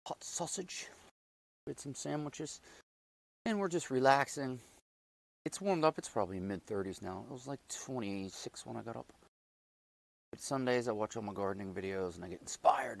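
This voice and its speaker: A gardening vlogger with a deep, gravelly voice, a bit raspy after a loud night out, chats while doing garden chores. His talk rambles from thought to thought in a loose, self-deprecating way. He's recorded on a lapel mic outdoors in a backyard garden.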